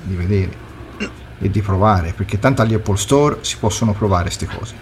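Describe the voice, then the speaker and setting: A man's voice: lowish voice, normal speed. An Italian man commenting casually on a live event among friends. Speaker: panelist. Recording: clear background noise and ambience.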